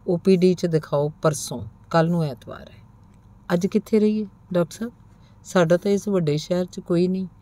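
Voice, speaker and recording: A woman's voice: deep voice, mellow. A woman narrating a short story as an audiobook, reading steadily and lifting her voice a little for the characters' dialogue.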